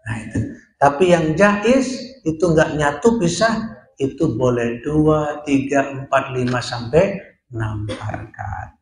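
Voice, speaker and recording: In a small, echoey prayer room, a man gives a tajwid lesson, teaching Quran recitation rules step by step and sounding out syllables for his class. His voice is on the high side with lively intonation, he speaks slowly, and there's a little hiss or hum.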